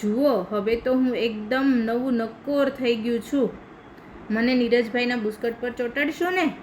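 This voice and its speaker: A woman's voice: fairly high pitch, normal speed, slight background noise, close to an everyday voice, low-quality recording. A woman voicing a small childlike pocket in a children's story, with a childlike manner that swings between sobbing and giggling. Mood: delighted. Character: little weepy male pocket, cheerful when happy.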